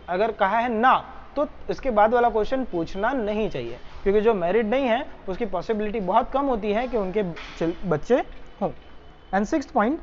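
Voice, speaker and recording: A woman tutor walks students through an exam solution point by point. Her voice sits a little high, and she often stops to check that everyone follows. The recording is somewhat muffled and lo-fi. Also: a little mellow, a little hiss or hum. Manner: explains step by step, checks understanding with "is that clear".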